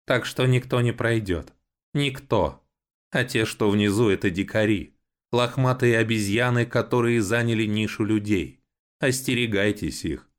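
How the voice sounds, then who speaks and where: A man voicing a stern robot gun sentry with a creaky, grating voice that speaks slowly and repeats its warnings, in an audiobook. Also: fairly low pitch, voice pushed up, close to an everyday voice. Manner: slow, insistent, repeats itself. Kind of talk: audiobook voice acting.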